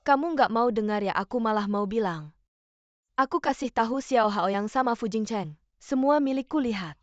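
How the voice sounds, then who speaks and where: A young actress dubbing a spiteful, gloating half-sister in a short drama, taunting and scornful. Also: female voice, on the high side, moderate pace, no echo, lo-fi sound, close to an everyday voice. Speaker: dub actress.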